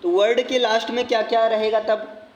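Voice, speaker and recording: A man's voice: high-pitched, flat delivery, normal speed, highs cut off. A man teaching an English grammar class, explaining in Hindi mixed with English, spelling words out letter by letter and checking whether the students follow. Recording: echoey classroom with faint noise.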